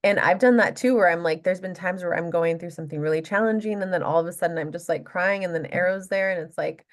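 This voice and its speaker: Woman, 30s, interview guest, open, reflective, somewhat low voice. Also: fast talker. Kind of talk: casual interview chat.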